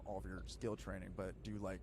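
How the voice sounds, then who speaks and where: A man in his thirties hosts a podcast, chatting loosely in a low, level voice at a fast clip and sprinkling his talk with "like" and "dude." The background is noisy.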